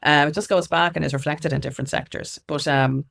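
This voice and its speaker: Speaking fairly quickly with vocal fry, this Irish woman has a deep but fairly bright voice and fairly even intonation. She's being interviewed conversationally as an activist and music consultant, answering in an earnest, outspoken way.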